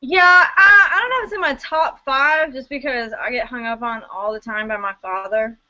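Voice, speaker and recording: Bright, high-voiced wisecracking woman. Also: normal speed. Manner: wisecracking, laughs often. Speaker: podcast co-host. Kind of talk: casual drinking chat. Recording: dull lo-fi recording.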